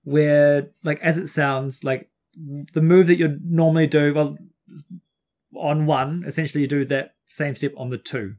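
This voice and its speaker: A man's voice: on the high side, a little mellow. A man with a broad New Zealand accent chatting casually as a podcast co-host, explaining things in an informal, self-deprecating way. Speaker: podcast co-host and dance teacher. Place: outdoors on a front deck at home.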